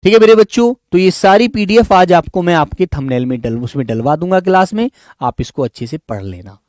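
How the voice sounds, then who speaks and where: A man's voice: fairly high pitch, animated, fairly quick, a little mellow, dry recording, studio quality. A man teaching an online exam-prep class. He lists example words one at a time, calls his students his children and keeps checking "is it not?".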